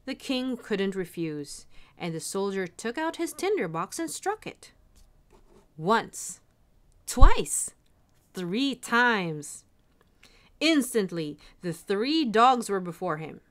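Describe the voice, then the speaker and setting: A woman reading a fairy tale aloud in an animated storytelling manner. Her mid-pitched voice swings widely in tone as she follows the story.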